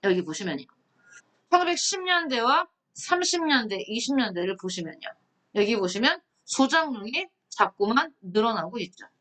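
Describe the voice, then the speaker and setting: A woman teaching a history lecture, lively and questioning, often asking her students to look and answer. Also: fairly high pitch, moderate pace. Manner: lively, asks students questions, reads captions aloud. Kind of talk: online lecture.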